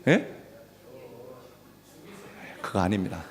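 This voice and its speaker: A male pastor delivers a slow sermon in a church sanctuary where his voice rings with a long hall reverb. His pitch is lively, and he swings dramatically from loud, stirring exhortation down to near-whispered emphasis.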